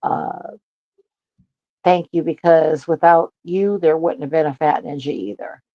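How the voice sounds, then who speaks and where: Halting speaker on a dull, lo-fi bad connection. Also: mid-range voice, steady tone, no room sound. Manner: halting, with many restarts and fillers. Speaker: guest on a memorial podcast. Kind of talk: casual spoken tribute. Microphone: online call. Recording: dull lo-fi call line, dry.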